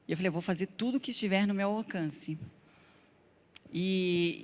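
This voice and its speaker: A woman giving a conference talk to women, telling stories earnestly and acting out quotes. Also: fairly low pitch. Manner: earnest, animated storytelling with acted-out quotes. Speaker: conference speaker. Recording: long hall reverb.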